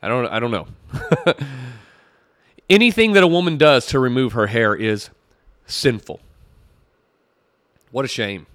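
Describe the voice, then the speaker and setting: A man hosts a podcast where he comments critically on a sermon clip, reading Bible verses aloud and chuckling wryly in a conversational style. His mid-range, fairly bright voice is animated yet a little slow, with long pauses, captured dry at studio quality.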